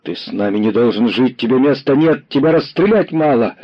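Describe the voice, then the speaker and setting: A man's voice: mid-range voice, animated, a little fast, slightly rough, no room sound, muffled recording, voice pushed up. A man playing a hard stern commissar. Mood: contemptuous. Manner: hard, clipped. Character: stern male revolutionary commissar, harsh.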